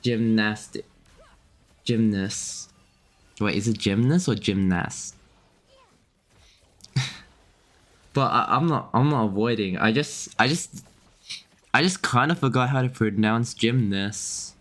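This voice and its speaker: A man's voice: medium pitch, expressive, normal speed, fairly bright tone. A young man streaming a game, chatting casually and rambling with lots of fillers, restarts and little chuckles. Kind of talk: casual chat while gaming.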